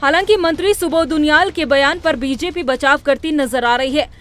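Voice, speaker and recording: A woman news reporter reads a scripted report in a high, emphatic voice. Faint music plays underneath. Her delivery is brisk and forceful.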